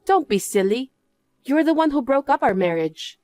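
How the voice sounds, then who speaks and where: A woman's voice: high voice, very animated, moderate pace, darkish tone. A woman playing a scornful betrayed wife in a story drama, scolding and dismissive. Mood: firm, cold. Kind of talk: dramatised story narration and dialogue.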